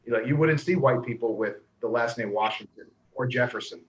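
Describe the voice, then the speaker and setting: A man's voice: mid-range voice, fairly quick. Curious American man, echoey and lo-fi. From United States. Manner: curious, asks probing questions. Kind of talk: casual group discussion. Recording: echoey room on a dull lo-fi mic.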